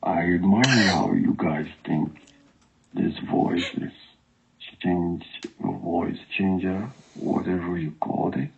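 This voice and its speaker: Man through a deep gravelly voice changer. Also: very animated, slight background noise. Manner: defensive, halting and pleading. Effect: voice changer, unnaturally deep and gravelly. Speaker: caller in an online romance. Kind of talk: phone call. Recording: dull lo-fi call audio.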